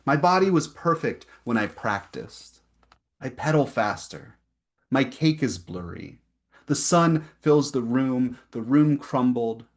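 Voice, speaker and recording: A young adult man at an online poetry reading, reading his poems slowly and deliberately with chatty, filler-heavy asides between them. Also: mid-range voice. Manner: slow, deliberate reading with rising emphasis on repeated lines. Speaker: poet reading his work.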